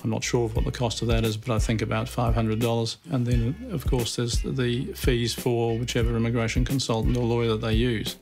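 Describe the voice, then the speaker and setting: A man lawyer answers interview questions plainly and matter-of-factly. His voice is flat and gravelly, and faint music plays underneath. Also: medium pitch, brisk, hardly any pauses.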